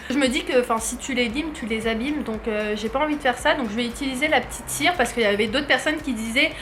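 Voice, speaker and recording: High-voiced Frenchwoman chatting in a vlog. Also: quick pace, over music. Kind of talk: casual vlog chat to camera. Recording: faint background noise.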